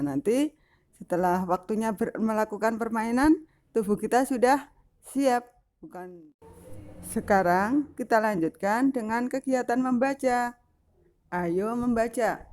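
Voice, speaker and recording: Patient woman teacher explaining slowly. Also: mid-range voice, darkish tone. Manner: patient, explains step by step with many fillers and "nah". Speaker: primary school teacher. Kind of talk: explaining a lesson to young children.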